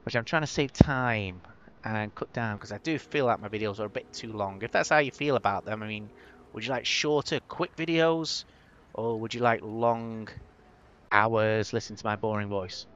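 Hosting a game-building tutorial, this man from northwest England talks at a moderate pace in a fairly low, somewhat bright voice with a Lancashire accent. His commentary is casual, rambling and self-deprecating, recorded through a dull lo-fi mic with clear background noise.

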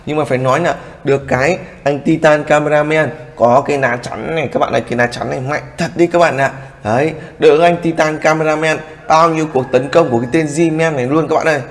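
A man giving excitable reaction commentary on a video, exclaiming often and calling out to his viewers. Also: on the high side, fast, hardly any pauses. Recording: long reverb with loud background noise.

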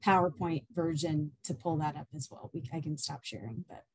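A woman helps run an online webinar, speaking casually and a bit hesitantly. Her voice sits fairly low. The video call audio is dry and close, with no room echo. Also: moderate pace, a little mellow, slightly rough. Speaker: webinar organizer handling screen share.

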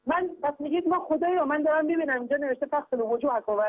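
A man calling in to teach a religious text lesson, explaining grammar patiently and step by step, repeatedly urging listeners to pay close attention. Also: extremely high pitch. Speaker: caller teaching Quran grammar. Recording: tinny phone line with hum.

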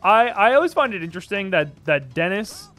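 A young man doing casual play-by-play commentary on a video game match, chatty and quick to get excited by big plays. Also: sits high, faint music behind.

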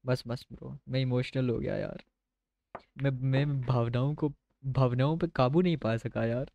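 A man's voice: mid-range voice, steady tone, moderate pace, gravelly, warm tone, highs cut off. A man with a Pakistani Urdu accent chatting casually through live gameplay commentary, mixing in English phrases. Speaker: game streamer.

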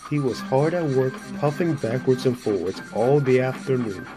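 A man narrating a children's railway story in a measured, steady reading. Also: mid-range voice, music in the background.

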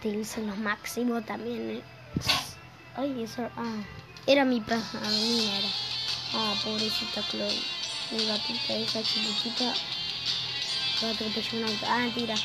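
A woman's voice: a little high, flat delivery, measured pace, pauses often, rough recording. A young woman with a Rosario accent from Argentina, rambling casually while playing a game, swearing offhandedly and coughing a little because she has just woken up. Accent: Argentine Spanish, Rosario. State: slight cough, just woke up. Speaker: gameplay streamer. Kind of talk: casual gameplay commentary. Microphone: phone recording app. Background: loud game music.

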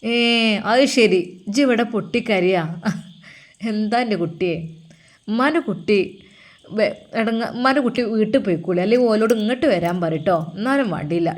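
A woman voicing an elderly, caring mother with a Malappuram accent who talks in a soft, coaxing way. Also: mid-range voice, lightly acted. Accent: Malappuram Malayalam.

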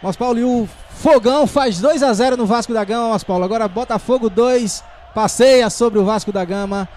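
A man's voice: extremely high pitch, a little fast, a little mellow. A man giving live football match commentary as the co-commentator. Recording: faint ambient noise behind.

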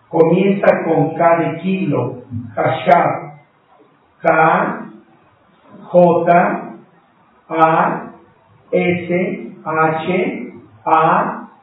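A man leads a Bible class at a very unhurried pace, spelling out each word letter by letter for his listeners. His voice sits a bit high for a man. It comes from well away from the mic, in a strongly echoing room, through a narrow, phone-like sound. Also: far from the mic. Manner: slow and deliberate, spelling words out letter by letter; patient, addresses listeners as brothers. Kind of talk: live-streamed Bible class.

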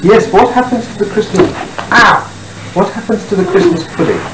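A man's voice: high-pitched, fairly quick. A man on an old VHS home video, patiently coaxing a young child with simple questions at home. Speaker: parent filming a home video. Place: family home indoors. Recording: noisy, echoey home video tape.

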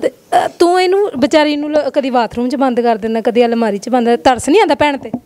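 A woman with a Punjabi accent interviews a family in a casual chat, her voice high and her questions coming fast. She teases a small boy with short, playful prompts. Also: darkish tone. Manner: quick, teasing questions to a child.

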